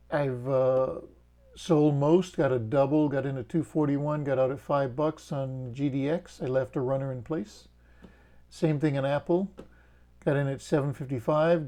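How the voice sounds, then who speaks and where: An options trading host, a middle-aged man from the Bahamas, shares his screen and talks casually through his trades. His Bahamian-accented, mid-range voice stays plain and steady as he explains his rules, dropping in fillers and homespun jokes along the way.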